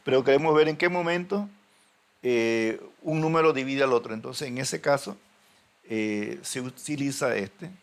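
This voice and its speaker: Male instructor, gravelly, halting lecture delivery with constant check-ins. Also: mid-range voice. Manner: hesitant, many fillers and restarts, checks in with "¿ven?". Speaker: programming teacher. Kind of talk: recorded classroom lecture.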